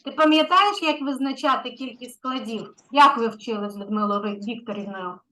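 A woman's voice: on the high side, moderate pace, bright, forceful tone, low-quality recording. A woman kindergarten teacher giving an online lesson to a young child, patient and encouraging, stretching out key words.

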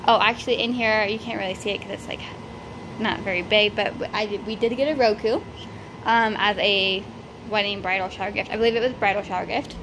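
Brisk and steady in tone, a woman in her twenties speaks in a mid-range voice as she shows off her small apartment on a handheld phone camera. The vlog is loose and chatty with many fillers, and background noise can be heard.

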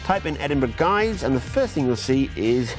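Middle-aged male presenter, medium pitch, dry jokey delivery, music bed underneath. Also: very animated, moderate pace. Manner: wry, jokey asides. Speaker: documentary presenter. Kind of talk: presenting a TV documentary. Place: outdoors by a brick building, sitting with a laptop.

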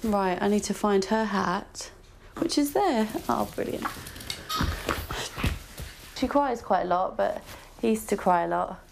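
A woman's voice: mid-range voice, lively intonation, a little slow, gravelly, long pauses. Mother at home, candid, sing-song with the kids, sometimes tearful; noisy room audio behind her. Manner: sing-song baby talk, at times tearful. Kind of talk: candid documentary talk at home. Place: family home. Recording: noisy handheld documentary audio.

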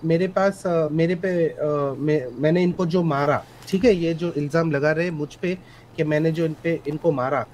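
A man's voice: a little high, normal speed, a little mellow, a little hiss or hum, low-quality recording. A man playing a police officer in a role-play court hearing, testifying politely but insistently and mixing English phrases into his Hindi, over a headset.

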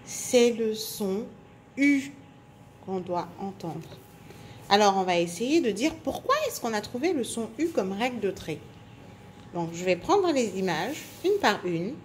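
A woman teacher giving a phonics lesson to young children, speaking slowly and clearly articulating, stretching out sounds and syllables. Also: mid-range voice, animated, slight background noise. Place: indoors at a table.

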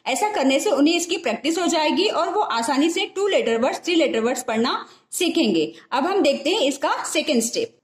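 A woman with an Indian English accent leads a phonics lesson, her voice high and lively in pitch. She sounds out each letter slowly and clearly. The room around her is echoey. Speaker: teacher and channel host.

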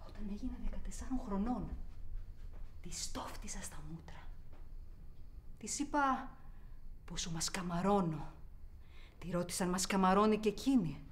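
A woman's voice: mid-range voice, pauses often, a little hiss or hum, natural voice. An actress performing a theatrical monologue as a young woman haunted by childhood abuse, repeating words obsessively and swinging between whispers and outbursts. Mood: bitter. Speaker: actor.

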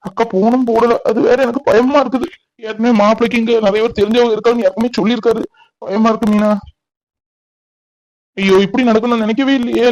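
A man's voice: very high voice, poor audio. A man voicing a hot-tempered father. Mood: anxious. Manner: anxious, agitated, fast.

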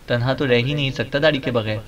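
A man's voice: medium pitch, lo-fi sound, natural voice. A man reading an audiobook voices a fussy bearded sidekick who protests and complains. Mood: huffy. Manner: huffy, complaining.

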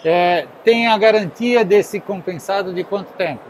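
Host masculino, 40 e poucos, voz alta, perguntas rápidas em feira náutica. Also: male voice, high voice, a little hiss or hum, rough recording. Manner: curious, conversational, quick follow-up questions. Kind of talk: casual interview at a trade show. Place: indoor boat show stand. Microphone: handheld recorder.

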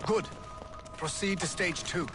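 A man's voice: high voice, unhurried, music in the background. An actor playing a cold, menacing male commander of an assassin-hunting team in a video game. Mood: commanding.

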